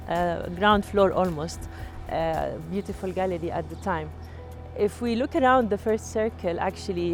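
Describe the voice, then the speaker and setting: A woman from Jordan leads a casual walking tour of an old city district, outdoors on a street. Her voice sits in a middle pitch, and she pauses often with fillers and false starts as she points things out. Faint music and passing traffic hum in the background. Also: a little mellow. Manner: hesitant, many fillers and restarts. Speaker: heritage documenter and guide.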